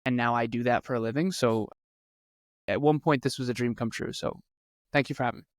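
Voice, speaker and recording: A man's voice: mid-range voice, fairly even intonation, fairly quick, no echo, studio quality. Earnest man in his thirties. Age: 30s. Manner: earnest, repeats words for emphasis. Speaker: podcast guest, speaker and coach. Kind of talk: conversational interview storytelling.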